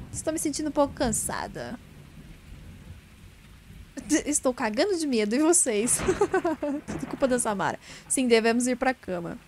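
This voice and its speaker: A young woman doing casual let's-play commentary, laughing nervously and shouting when startled. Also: on the high side, a little hiss or hum. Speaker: gaming streamer.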